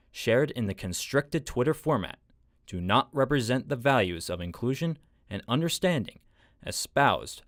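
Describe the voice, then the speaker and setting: A man delivers a scripted news report. His pitch is middling and the recording is dry, with no room sound around the narration. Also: dry recording.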